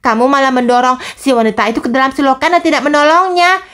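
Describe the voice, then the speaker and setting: Lady doing a cranky door-guarding angel, scolds nonstop, high voice. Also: fairly even intonation, fast talker, fairly bright tone. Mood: stern. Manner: scolding, exasperated.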